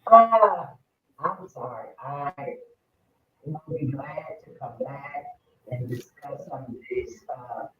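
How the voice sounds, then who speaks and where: A woman calling into a meeting from a computer, her voice muffled and distant as if through a wall, speaking haltingly and apologizing while she fiddles with settings. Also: very deep voice, fairly bright tone. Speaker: remote meeting participant. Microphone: computer with attached speaker on a call. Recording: muffled echoey call over a speaker.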